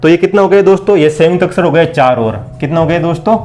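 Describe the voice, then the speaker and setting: Man drilling a lesson, higher voice. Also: quick pace, a little mellow. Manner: call-and-response drilling, repeats questions and answers; keeps addressing listeners as friends. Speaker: teacher. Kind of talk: blackboard lesson for exam preparation.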